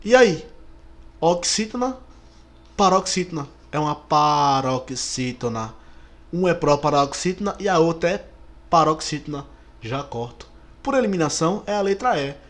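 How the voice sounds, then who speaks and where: Brazilian male teacher, slightly high voice, animated exam-prep explainer. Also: moderate pace, pauses often. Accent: Brazilian Portuguese. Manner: lively, stretches key words, checks in with the class.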